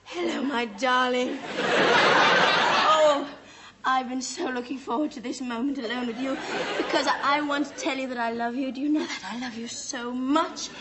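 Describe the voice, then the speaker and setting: An actress playing a reluctant wife who pours out exaggerated tender words to a seedling in a sitcom. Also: female voice, high voice, measured pace, over a noisy crowd. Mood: gushing. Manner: gushing, theatrical tenderness. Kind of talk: 1980s sitcom acting. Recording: old TV clip with loud noise.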